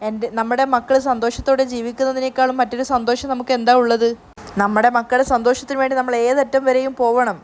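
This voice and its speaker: A woman's voice: fairly high pitch, flat delivery, quick pace, darkish tone, close to an everyday voice. A woman reading the lines of a cheerful middle-aged man who jokes and teases his family. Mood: jovial. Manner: teasing, jovial.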